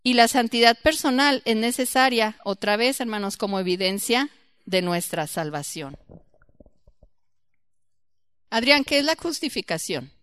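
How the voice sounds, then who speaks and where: A woman giving a church Bible teaching, lively and questioning her group, acting out quoted voices. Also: a little high, moderate pace, clear, resonant tone, no echo, clean studio sound.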